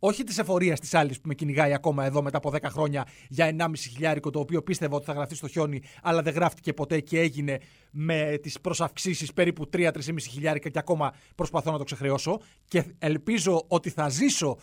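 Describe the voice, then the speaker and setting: A man's voice: no echo, studio quality. A man in his forties hosting a sarcastic comic monologue, ranting with mock exasperation. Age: 40s. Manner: animated, mocking, exasperated rants with sudden high shouts. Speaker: radio-style commentary host.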